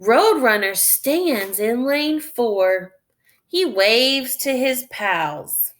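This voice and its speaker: In a slightly high, expressive voice, a woman reads a children's tale like a teacher. Thinking out loud, she guides her young listeners with deliberate, instructional care.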